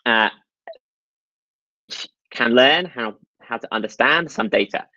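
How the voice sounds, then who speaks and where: A man's voice: medium pitch, animated, slow, pushed and bright, no room sound, dull audio. A man giving a technical talk over slides at an online meetup, explaining step by step with frequent ums and uhs. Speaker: meetup presenter.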